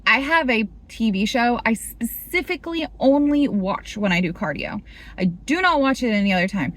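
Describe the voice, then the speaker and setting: A woman's voice: a little high, animated, moderate pace, a bit bright. Chatty woman vlogger, rambling. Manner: rambling, heavy use of "like". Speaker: fitness vlogger. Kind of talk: casual vlog chat.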